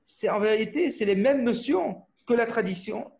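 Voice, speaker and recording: Speaking through muffled video-call audio, an Australian-born man teaches Torah informally in an extremely high, creaky, darkish voice that stays animated at a moderate pace. His talk rambles with frequent restarts, and he checks in by asking listeners "hmm?"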